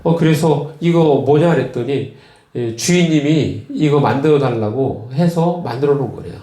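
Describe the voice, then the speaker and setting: A male pastor preaching a sermon, retelling stories slowly with frequent fillers and repeated words. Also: mid-range voice, mellow, echoey room. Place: church.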